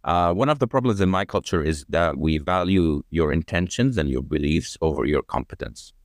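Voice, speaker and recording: A man speaking as a podcast guest, explaining at length in a measured way, with frequent fillers and restarts. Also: rumbling low, animated, dry recording, studio quality. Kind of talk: conversational explanation.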